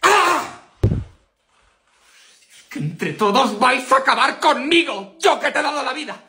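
A woman's voice: sits high, animated, measured pace, noisy background. A woman with a Spain Spanish accent voicing a nagging, overprotective middle-aged mother.

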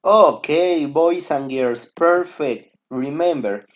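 Music plays in the background as this Peruvian man in his twenties speaks slowly in a fairly high voice. A native Spanish speaker, he leads a recorded lesson for schoolchildren, repeating simple, encouraging instructions, and the screen-recording sound is dull and lo-fi.

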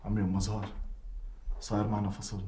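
A man's voice: fairly low pitch, monotone, fast, mellow, slight background noise, natural voice. An actor playing a deferential trader with a Syrian accent who pleads and gives orders to his helpers. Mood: pleading. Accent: Syrian Arabic. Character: apologetic male trader, deferential. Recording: echoey room.

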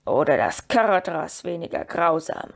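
A grieving male dwarf warrior speaks in a gruff, lowered storybook voice, put on by a woman narrating an audiobook. His words come slow and weighty. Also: sing-song, full character voice. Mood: mournful. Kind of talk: audiobook character reading.

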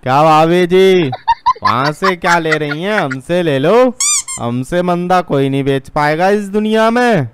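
A man's voice: fairly high pitch, animated, unhurried. A man voicing a cheeky, folksy street vegetable seller with wheedling sales patter in a cartoon comedy, on a noisy track. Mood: ingratiating.

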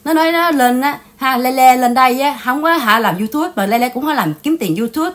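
A woman's voice: high voice, expressive, a little fast. Chatty indignant Vietnamese-born woman host. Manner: chatty, indignant, addresses viewers often. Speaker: channel host. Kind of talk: casual gossip commentary.

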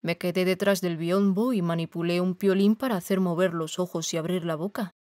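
A woman's voice: lowish voice, steady tone, fairly quick, a little mellow, no room sound, close to an everyday voice. Woman doing a shaky meek little old wizard man, storybook reading, dry close sound. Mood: explaining. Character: timid aging little man, humbug wizard.

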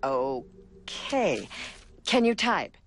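A dry cartoon job interviewer speaks flatly in a lowish voice. She takes her time, unimpressed. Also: extremely slow, exaggerated voice. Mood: deadpan.

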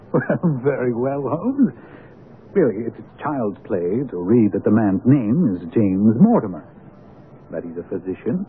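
An earnest gentleman doctor from a radio mystery. He is courteous, proper and a touch hesitant, with lively swings of intonation. The sound is narrow and phone-like, with faint noise underneath. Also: medium pitch, measured pace. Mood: pleased, pondering. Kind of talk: 1970s radio drama acting.

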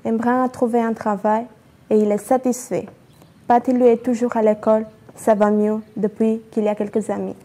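A woman's voice: on the high side, flat delivery, normal speed, dark tone. A teenage girl from North Macedonia carefully reading a letter aloud in a studio. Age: teens.

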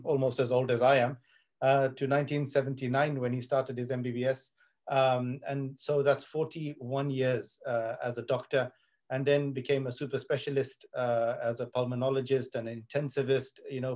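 A man's voice: mid-range voice, a little mellow. A man in his thirties hosting an interview over a video call from a study, fluent and sprinkling in religious Arabic phrases. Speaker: host. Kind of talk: interview introduction and questions. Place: home study with bookshelves, indoors. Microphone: video call mic.

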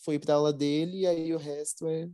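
A young man from Brazil with a Brazilian accent, a dancer telling stories as a guest in a casual interview, relaxed and slangy with many fillers. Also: a little high, normal speed, clean tone. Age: young adult. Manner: relaxed slangy talk full of fillers like "tipo" and "assim".

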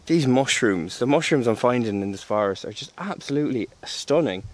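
Holding his camera at arm's length, a thirtysomething hiking vlogger talks loosely to it on a trail in a casual walking vlog. The recording is dry, and his mid-range voice comes across animated and fairly quick as he rambles openly with fillers and restarts.

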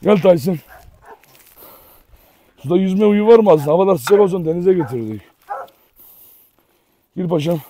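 A man's voice: sits high, lively intonation, normal speed, pauses often, warm tone, a little hiss or hum. A man hosting a casual outdoor dog vlog, coaxing his dogs and talking to viewers by turns. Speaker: dog owner and channel host.

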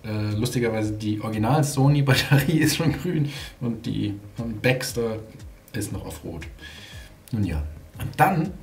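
A man with a lowish voice and lively intonation talks to his viewers in an unhurried way. His casual vlog chat rambles as he thinks aloud, and there's clearly audible ambient noise in the background.

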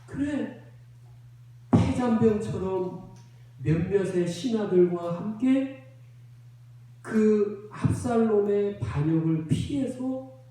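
A male pastor preaching a sermon, telling a story slowly and dramatically with rhetorical questions to the congregation. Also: high-pitched, animated, dark tone. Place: church sanctuary. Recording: roomy church echo, voice from a distance.

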